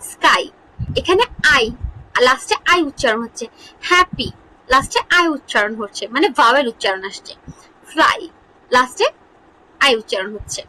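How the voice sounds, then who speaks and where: Lively high-voiced woman teaching a lesson. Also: slight background noise, low-quality recording. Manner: asks questions and answers them herself, repeats words slowly. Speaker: English grammar teacher. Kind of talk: online lesson explaining English spelling.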